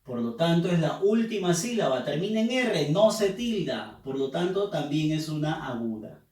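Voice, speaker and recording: A man's voice: a little high, very animated, normal speed, darkish tone. A man teaching a lesson to young students, patiently drilling syllables and asking them to pronounce each word. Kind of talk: classroom lesson on accent rules. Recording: roomy echo, voice from a distance.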